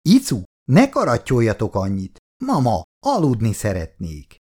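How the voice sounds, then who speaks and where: A man voicing a gruff, irritable older father who scolds his family. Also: medium pitch, huge pitch swings, a little mellow. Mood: grumpy.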